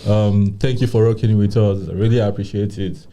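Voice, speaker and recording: A man's voice: lowish voice, level tone, moderate pace, mellow. A man hosting a podcast in casual chat, reacting and laughing often as his guest tells a story. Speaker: podcast host.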